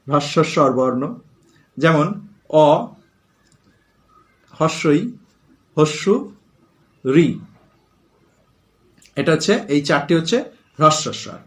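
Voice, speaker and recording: A man's voice: fairly high pitch, a bit bright. A middle-aged male teacher giving a classroom lesson, asking questions and repeating lists aloud for his students.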